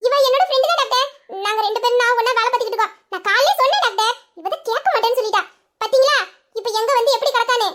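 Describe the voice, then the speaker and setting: A woman doing a giggly, high-voiced young friend. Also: very fast. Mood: amused. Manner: animated, giggly retelling. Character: chatty young woman, the patient's caring friend. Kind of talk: amateur audio drama.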